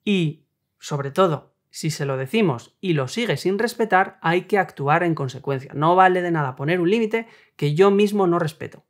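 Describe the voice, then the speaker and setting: A young adult man, hosting a self-help video and calmly explaining ideas with worked examples. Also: high voice, moderate pace. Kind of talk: explanatory talk on relationships.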